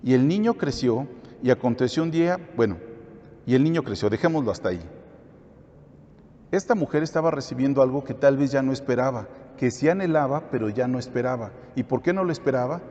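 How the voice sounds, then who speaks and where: A man's voice: medium pitch, lively intonation, fairly quick, mellow. A man teaching a Bible study, asking the listeners questions and then answering them himself. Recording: echoey hall, dull lo-fi sound.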